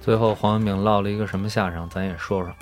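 A man co-hosting a podcast in relaxed casual chat, commenting and prompting his partner. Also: on the low side, fast. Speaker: podcast co-host.

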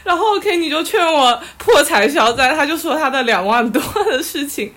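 Female guest with a slightly high voice, animated and exasperated as she retells a story, laughing through it. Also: moderate pace. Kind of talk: casual storytelling chat. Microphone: live audio chat app.

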